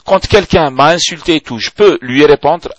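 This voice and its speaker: A man's voice: fairly high pitch, normal speed, no room sound. A man with a strong Algerian accent, talking bluntly and defiantly to camera as a video blogger and mixing French with Algerian Arabic. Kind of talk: casual video blog reply.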